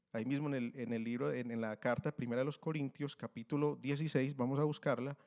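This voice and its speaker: A man preaching an evening sermon to his congregation. He reads scripture aloud and talks earnestly, often pausing and restarting. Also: mid-range voice. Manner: earnest, hesitant, many fillers and restarts, louder when reading scripture. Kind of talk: sermon with Bible reading.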